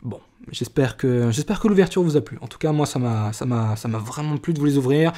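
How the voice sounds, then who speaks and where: A man's voice: medium pitch, a little fast, warm tone. A young man chatting casually while showing and opening trading cards, with lots of fillers and restarts. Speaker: card collector vlogger. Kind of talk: casual card-opening video.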